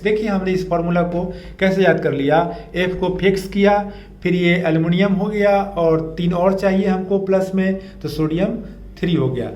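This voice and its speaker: Male chemistry teacher, high voice, patient and repetitive, echoey room faint hiss. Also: darkish tone. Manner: patient, repeats key terms and asks the class questions. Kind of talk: classroom lecture with memory tricks.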